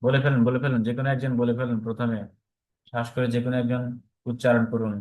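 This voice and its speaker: A man teaching an online class, patiently repeating each word slowly so the students can copy it. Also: medium pitch, level tone, muffled recording. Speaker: Sanskrit teacher.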